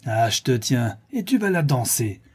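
A man's voice: medium pitch, big pitch swings, moderate pace, darkish tone, husky. A man voicing a brutal, thuggish male ex-convict bandit who snarls slangy threats in an audiobook reading. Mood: menacing.

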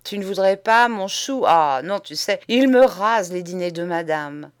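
A woman's voice: fairly low pitch, animated, a little slow. A woman voicing a cynical, spoiled young Parisian man with a drawling Paris accent, mocking and gleeful, in an audiobook. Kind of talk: audiobook character voice.

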